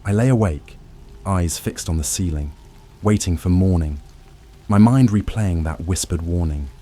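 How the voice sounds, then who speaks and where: A man narrating a first-person horror story in a scripted, tense storytelling manner with dramatic pauses. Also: low voice, dark tone.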